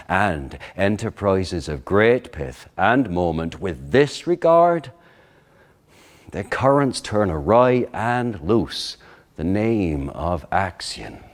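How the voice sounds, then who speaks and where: A man's voice: low voice, voice pushed down. A man playing a brooding young prince in a Shakespearean monologue, speaking in an original pronunciation accent. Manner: slow, measured, brooding. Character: brooding young male prince, torn by doubt.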